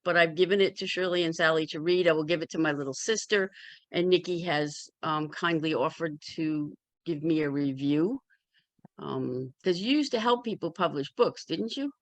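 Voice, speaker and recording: A memoir author talks casually in a community group discussion, with a candid, wry manner. She has a low voice and a moderate pace, and the recording is dry.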